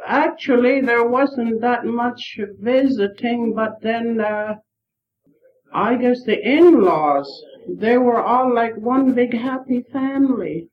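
A woman in an old oral history interview, answering slowly and haltingly while she searches for words, heard on old worn 1970s tape. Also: on the high side. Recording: dull hissy worn cassette tape.

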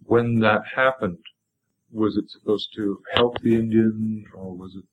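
A man's voice: on the low side, fairly even intonation. Male interviewer on old worn tape, muffled, faint hiss. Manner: halting, restarting questions. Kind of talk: casual interview questions.

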